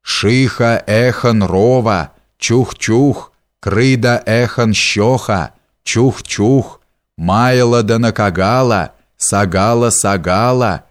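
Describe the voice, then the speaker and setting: A man voicing a wild old male sorcerer who mutters and howls strange incantations in a hoarse voice. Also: fairly low pitch, takes it slowly. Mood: muttering.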